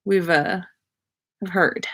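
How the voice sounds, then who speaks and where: Reading viewer comments on a casual livestream, a woman keeps a steady tone and takes her time. Her voice is fairly low yet fairly bright, and as a podcast host she chats informally with slang and a little swearing.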